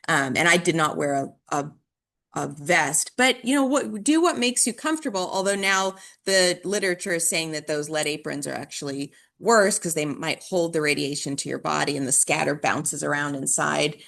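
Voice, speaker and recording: Woman instructor, somewhat low voice, chatty lecture delivery, lots of "um" and restarts. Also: normal speed, vocal fry, a bit bright. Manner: conversational, with frequent fillers and restarts. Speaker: dental hygiene instructor. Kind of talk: recorded classroom lecture.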